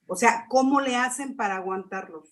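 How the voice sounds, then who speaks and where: In a casual conversation during a church class, a middle-aged woman participant thinks aloud, dropping small fillers as she goes. Her voice is on the high side and her speed normal.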